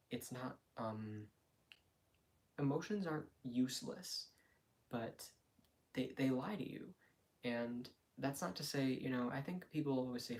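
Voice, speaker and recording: A man talking casually and quietly on a late-night livestream from home, in a hesitant, rambling, reflective way. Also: medium pitch. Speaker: live streamer. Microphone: phone.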